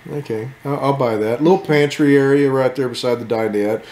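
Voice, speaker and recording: A brisk man with a medium pitch and a darkish tone talks in an echoey space as he wanders through a camper at an RV show. As an RV channel host, he keeps the walkthrough casual, tossing out easygoing, joking remarks.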